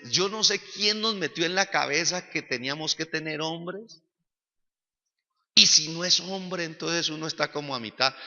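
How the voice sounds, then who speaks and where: Male pastor, high bright forceful voice, preaching that swells to shouting, echoing church hall, dull recording. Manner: animated preaching that builds to shouting. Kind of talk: church sermon. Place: church sanctuary.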